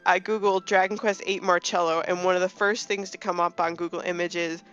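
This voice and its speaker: A woman's voice: fairly low pitch, fairly even intonation, a little fast, fairly bright tone, clear, resonant tone, dull audio, soft background music. A woman in her twenties chatting casually about a game, talkative and often restarting her sentences. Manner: chatty, self-correcting, many restarts. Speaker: co-host.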